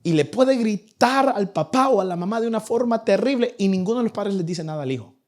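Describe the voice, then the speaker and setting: A young man preaching a sermon to his church, animated and acting out the people in his stories. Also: high voice, a little fast. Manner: animated, acts out nagging parents in a raised voice. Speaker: pastor. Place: church in Vancouver.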